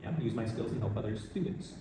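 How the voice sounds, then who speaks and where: A man from the United States, an older math teacher, answering interview questions in a relaxed, rambling way with many restarts. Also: lowish voice, fast, noisy background. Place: school in Vietnam. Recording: echoey room, distant mic, music behind.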